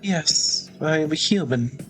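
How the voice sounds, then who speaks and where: A man voicing an eerie female monster who flatly insists it is human, in a raspy, creaky voice. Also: a little high, slow pace, soft background music, voice pushed up, poor audio. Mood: insistent. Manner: flat, insistent. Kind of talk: fan voice acting of a game.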